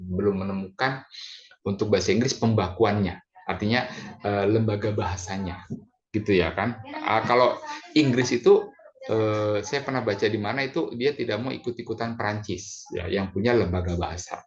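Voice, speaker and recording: Low-voiced male lecturer. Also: lo-fi sound. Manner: rambling, many fillers and tag questions. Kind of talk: classroom lecture.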